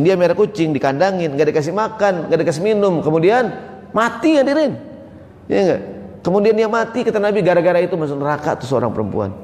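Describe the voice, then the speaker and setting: A man preaching a sermon in a mosque, lively and joking, often asking the audience questions. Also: on the high side. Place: large mosque hall. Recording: echoey mosque hall.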